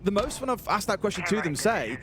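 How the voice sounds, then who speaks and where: A man's voice: high voice, very animated, fairly quick, a crowd in the background. A man giving live analytical esports commentary in a chatty way, with colourful turns of phrase. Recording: game gunfire and noise behind. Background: game gunfire.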